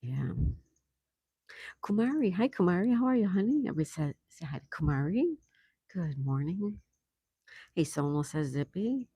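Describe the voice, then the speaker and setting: Mellow-voiced older woman hosting a livestream. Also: lowish voice, big pitch swings, moderate pace, long pauses, husky, no room sound, highs cut off. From South Florida, USA. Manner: chatty, reads comments aloud, laughs often. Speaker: livestream host reading chat. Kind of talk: casual live-stream chat.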